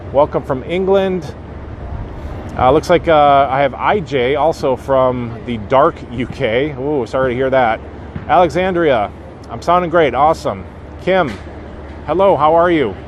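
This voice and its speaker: A man with a medium-pitched voice live-streams a casual walking tour along an outdoor theme park walkway, with background noise around him. He greets viewers by name, uses plenty of fillers, and sounds a bit sniffly from a sinus infection.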